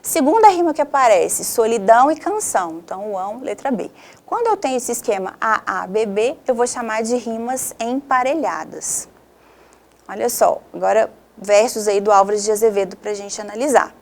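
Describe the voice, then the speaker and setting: A woman's voice: fairly high pitch, lively intonation, moderate pace. A woman teacher with a Brazilian Portuguese accent, giving an online video lesson and explaining patiently step by step, often checking in with the listener.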